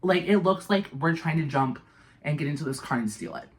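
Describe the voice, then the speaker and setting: A young woman with a notably low voice, telling a wild storytime in a loose, profane, dramatic way. She piles on fillers and asides as she goes. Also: expressive, fairly quick. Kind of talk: casual storytime.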